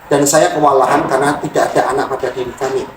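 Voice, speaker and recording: A man's voice: mid-range voice, fairly even intonation, fast talker, slight background noise, natural voice. Man doing a tearful middle-aged wife at her limit, echoey distant sound. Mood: distressed. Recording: roomy room from a distant mic.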